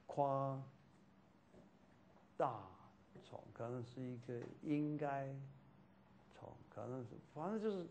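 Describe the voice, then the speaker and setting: A man leads a faith class at an unhurried pace, circling back on his points and sprinkling in English fillers. His pitch sits mid-range. A faint hum of room ambience runs underneath. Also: lively intonation, a little mellow. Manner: loose, repetitive, mixing in English fillers. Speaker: teacher.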